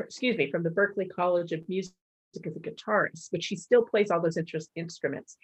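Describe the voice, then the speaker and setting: A woman's voice: lowish voice, husky, highs cut off. A woman co-hosting an interview and introducing the guest. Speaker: co-host. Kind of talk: casual interview chat.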